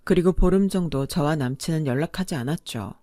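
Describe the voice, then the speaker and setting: A woman telling a story in the first person, in a calm, confiding narration. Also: sits low, fairly quick, dry recording, clean studio sound.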